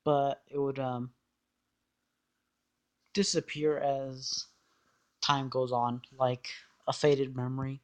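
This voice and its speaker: Male, unhurried and halting, casual explainer, tends to trail off mid-thought. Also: mid-range voice, level tone, smooth.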